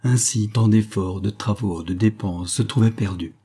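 A man narrating a history book as an audiobook, in a measured, even reading. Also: on the low side, slightly rough.

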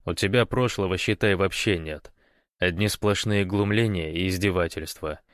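A weary man who mocks calmly, as a male narrator voices him. His voice sits low and dry, an audiobook figure read close to the mic. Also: normal speed, no echo. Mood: mocking.

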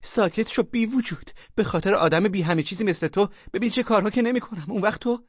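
A man voicing an angry woman scolding her lover, in a shrill, scolding manner, for an audiobook story. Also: lively intonation, breathy edge, no echo, muffled recording.

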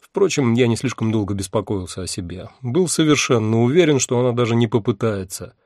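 A man narrating a fantasy audiobook in first person, calm and wry, dropping low on speech tags. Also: a little fast, dry recording, clean studio sound.

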